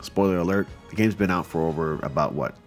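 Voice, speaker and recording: His low voice moves briskly, with faint music in the background and a stuffy, post-cold quality. He reacts chattily and eagerly to photos sent in by fans, dropping in lots of fillers.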